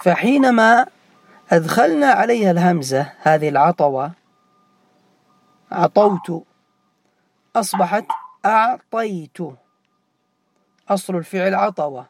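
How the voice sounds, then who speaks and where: High, gravelly male teacher quizzing students. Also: lively intonation, a little slow, pauses often, a little hiss or hum. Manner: quizzes students by name, repeats key forms. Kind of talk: classroom grammar lesson.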